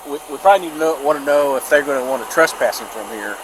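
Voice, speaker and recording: A man in the middle pitch range speaks hesitantly, stumbling and repeating words. He is a police sergeant recorded outdoors on a body camera. Street noise is clearly audible behind him. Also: fast.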